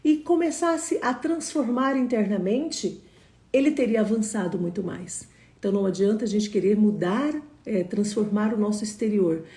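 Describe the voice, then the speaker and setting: A woman's voice: medium pitch, normal speed, warm tone. A woman giving a live online motivational talk in a conversational way, often checking in with a tag question, recorded in an echoey room. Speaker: motivational speaker.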